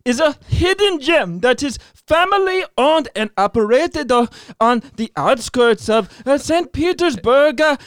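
A man doing an exaggerated Italian accent as a halting restaurant pitchman, full of filler sounds. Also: lively intonation, a bit bright, no echo, studio quality, exaggerated voice. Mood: hammy. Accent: put-on Italian.

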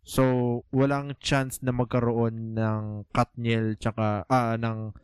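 Chatty Filipino man, smooth clear voice. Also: mid-range voice, slow, no room sound, clean studio sound. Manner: animated, mixes English into speech, rhetorical questions. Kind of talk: casual chat.

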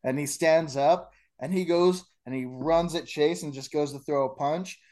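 A man's voice: on the high side, normal speed, a little mellow. A man in his thirties, a podcast co-host, telling a story in loose, profane casual chat and laughing often. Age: 30s.

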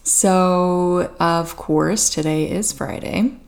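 A woman's voice: fairly low pitch, drawn-out words. A young adult woman with a Canadian accent hosting a solo podcast, chatting casually in a rambling, informal, self-deprecating way. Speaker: podcast host. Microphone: podcast microphone with pop filter.

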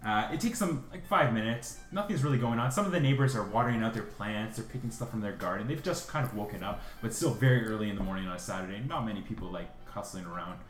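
A man narrating a tabletop game as game master in a loose, relaxed way. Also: lowish voice, fast talker, few pauses. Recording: echoey room with faint music.

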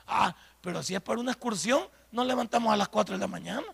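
A man with a Salvadoran accent preaches with fervor in a church and keeps pressing the congregation with questions. His voice sits high and sounds husky and breathy. It has a sharp, bright edge, and he often climbs to a shout. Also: fast talker, in a large hall. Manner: fervent, rising to shouts, rhetorical questions to the congregation. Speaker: pastor. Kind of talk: sermon.

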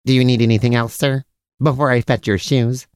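A man's voice: medium pitch, steady tone, a little fast, darkish tone, clean tone, no room sound, clean studio sound, close to an everyday voice. A man playing an obliging, formal restaurant waiter with polite, eager service patter in a comic audio drama. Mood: chirpy, formal.

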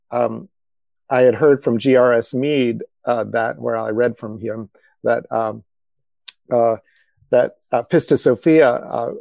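Gravelly man speaking on a panel. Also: medium pitch, darkish tone, dry recording. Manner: hesitant, many fillers. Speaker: panel guest author. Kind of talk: panel discussion.

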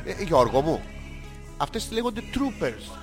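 A man co-hosting a podcast, trading teasing, crude jokes in casual comedic banter with quick interjections. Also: on the high side, sing-song, music in the background. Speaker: podcast co-host. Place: podcast studio.

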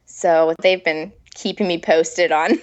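A woman's voice: lowish voice, steady tone, slow pace, muffled recording. A pregnant woman, a food blogger guest, chatting casually in an interview, giggling often and filling her speech with "like". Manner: chatty, giggly, lots of filler "like".

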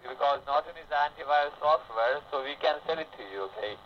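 A man on the other end of a phone call, pitching tech support and ending his phrases with a repeated "okay?". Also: fast talker, crowd noise. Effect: heard over the phone. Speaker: caller posing as tech support. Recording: muffled phone line with faint hiss.

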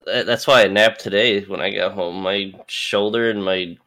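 A man's voice: on the low side, fairly even intonation, moderate pace, a bit bright. A man in his late twenties in casual podcast chat, drowsy and easygoing. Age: late 20s. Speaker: podcast co-host.

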